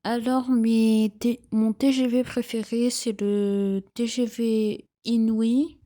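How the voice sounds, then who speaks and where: Slow, mellow young woman with morning voice. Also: on the high side, level tone. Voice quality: sleepy morning voice. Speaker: train enthusiast vlogger. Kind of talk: casual FAQ vlog talk.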